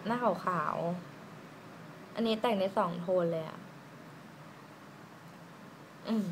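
A woman doing a casual lipstick swatch review, chatty and giggly, musing aloud with drawn-out fillers. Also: lowish voice. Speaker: beauty vlogger. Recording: noisy room ambience.

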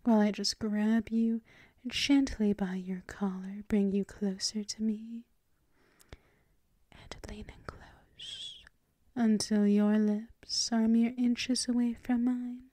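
Speaking slowly in a steady tone on the high side, a woman voices a gentle, teasing, doting dominant girlfriend for intimate ASMR roleplay. Much of it is whispered close to the microphone as a soothing, affectionate murmur, with no echo.

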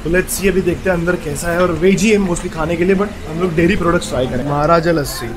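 A man's voice: on the high side, quick pace, a crowd in the background. A young man, chatting casually to viewers in a travel vlog, filmed on an action camera held at arm's length. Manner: chatty, mixing Hindi and English, talking to viewers. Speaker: travel vlogger. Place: car, roadside eateries and beaches, indoors and outdoors. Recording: noisy action-cam sound with traffic and wind.

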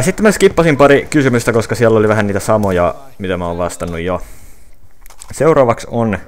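Young male gaming creator, halting casual delivery, mid pitch. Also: clean tone. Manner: hesitant, many fillers and restarts. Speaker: gaming channel creator answering viewer questions. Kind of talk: casual Q&A reading questions aloud. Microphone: reading from a phone.

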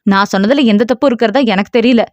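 A woman's voice: a little high, quick pace, dry recording, close to an everyday voice. A woman voicing a suspicious older sister who talks in an offhand, dismissive way. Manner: careless, offhand.

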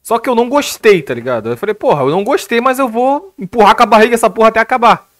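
This young Brazilian man, speaking with a Brazilian Portuguese accent, tells a story as a loose rant on a live stream, cursing constantly and chattering excitedly into a headset. His pitch is extremely high and his delivery fast and animated, slightly bright. There's no room sound, just a clean studio quality.

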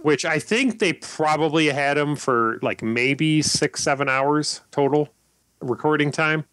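A man hosting a casual podcast chat, rambling and halting with lots of fillers and restarts. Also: on the high side, a bit bright, no room sound. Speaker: podcast host.

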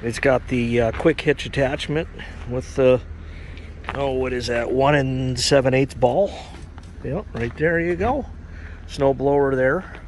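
Relaxed man rambling outdoors. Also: medium pitch, slow pace, a little hiss or hum. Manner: relaxed, rambling, uses fillers. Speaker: farm equipment vlogger. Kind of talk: casual walk-around commentary. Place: outdoors at a snowy auction lot.

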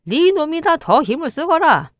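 Cartoon old hermit men voiced by a woman, bickering, drawn-out whine. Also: high-pitched, very animated, no room sound, clean studio sound, pitched above the performer's own voice. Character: two quarrelsome old male mountain hermits. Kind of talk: storybook cartoon voicing.

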